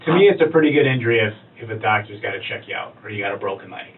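A male police detective questioning a suspect calmly and firmly in an interview room. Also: lowish voice, racing. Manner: calm, firm questioning. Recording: distant, phone-like, noisy.

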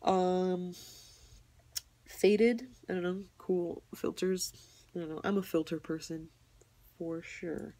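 A young woman walks through her apps in a loose, rambling way, hedging and apologizing as she goes. Her voice sits fairly low, with a gravelly, creaky edge and a slight huskiness. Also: steady tone, takes it slowly, long pauses, dark tone. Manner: rambling, self-deprecating, apologetic, unsure. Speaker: YouTuber showing her tablet apps. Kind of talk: casual screen walkthrough.

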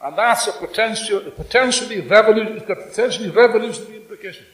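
An older man in his 60s or beyond delivers a fiery revolutionary speech at a congress, standing at a microphone in an indoor hall before a seated audience. He speaks emphatically and deliberately, with repetition and dramatic pauses, his voice high and a bit bright. The distant mic gives it an echoey public-address sound.

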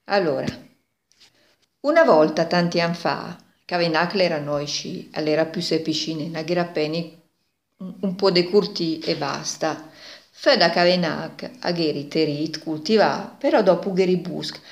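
Woman in her 60s, Milanese accent, informal dialect storytelling, slightly low pitch, roomy echo. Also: a little slow. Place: small kitchen indoors. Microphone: phone at arm's length. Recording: echoey domestic room.

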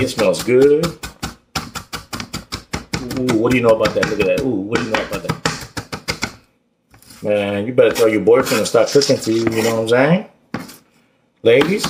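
Chopping clatter fills the noisy home kitchen as a vlogger with a mid-range voice banters through a casual cooking video. He's boastful and jokey, speaking in streetwise slang, caught on a camera set at counter level.

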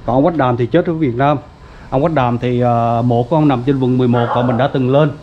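A man's voice: mid-range voice, fairly even intonation, fairly quick, background noise. A man vlogging as he walks around a family grave site, talking casually with lots of fillers and speaking to his viewers directly. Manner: chatty, many fillers, addresses viewers as everyone. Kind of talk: casual walking tour narration. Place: outdoors at a cemetery gate. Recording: dull lo-fi outdoor recording.

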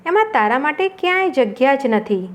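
A woman's voice: sits high, sing-song, normal speed. A woman voicing Prosperity, a wealthy female spirit who refuses curtly. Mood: dismissive. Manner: curt, dismissive.

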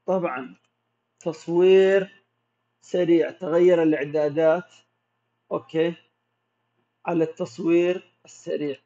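Man, Gulf Arabic accent, slightly high voice, casual Q&A, muffled lo-fi sound. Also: a little slow, pauses often. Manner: relaxed, explanatory, reads questions aloud. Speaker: macro photographer answering viewer questions. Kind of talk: casual live Q&A. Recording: dull lo-fi audio.

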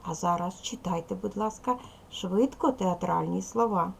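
A woman teacher giving a recorded video lesson to young schoolchildren, speaking clearly and patiently. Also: mid-range voice, slight background noise. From Ukraine. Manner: slow, clear instructional delivery, addressing children.

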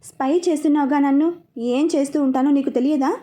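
A woman's voice: high-pitched, steady tone, fast, mellow, natural voice. A woman playing a defiant, tearful young student. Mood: sulky. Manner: sulky, defiant.

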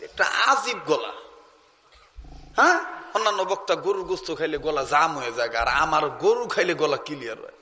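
Loud preacher guy w/ shariatpur accent, high sharp voice, shouting sermon, big echo. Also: lively intonation, moderate pace, a little hiss or hum. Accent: Shariatpur Bengali dialect. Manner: loud, fiery preaching with call-and-response chants. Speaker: Islamic preacher. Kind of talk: impassioned waz sermon. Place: large religious gathering. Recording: echoey hall-like reverb.

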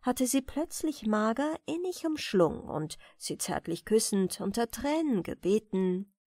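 A woman reads a fairy tale as a soothing bedtime story, slowly and gently. Her fairly high voice rises and falls expressively, and the recording is close and dry. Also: very animated, dry recording. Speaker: audiobook reader.

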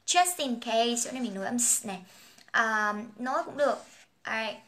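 A woman's voice: fairly high pitch, brisk, sharp tone. A young woman whose first language is Vietnamese, teaching an English song, explaining phrases and pronunciation and singing lines in a casual, chatty way.

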